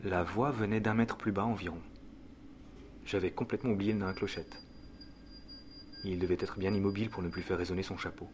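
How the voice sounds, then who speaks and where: A man playing the measured first-person narrator of an audio drama, reading scripted narration. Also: sits low, fairly even intonation, noisy background, close to an everyday voice. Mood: measured, hushed. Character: grave, measured male first-person storyteller.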